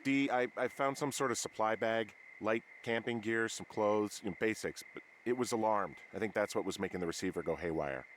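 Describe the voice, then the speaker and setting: A man playing a dry, low-voiced fire lookout. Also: a little fast, few pauses, lightly acted. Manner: dry, deadpan. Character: weary, dry-humored man alone in the woods. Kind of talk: video game voice acting. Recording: game audio with forest ambience noise.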